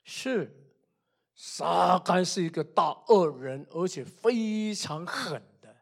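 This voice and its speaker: An older man preaching a sermon, emphatic and repetitive, full of rhetorical questions and swinging between soft asides and loud outbursts. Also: high voice, expressive, slow pace, vocal fry.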